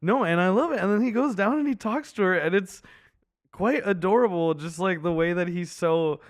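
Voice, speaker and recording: A man's voice: high-pitched, normal speed, no echo, clean studio sound. A man co-hosting a podcast, recapping a movie in casual chat and acting out the characters' lines. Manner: animated, acts out characters' lines in quotes. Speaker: podcast co-host.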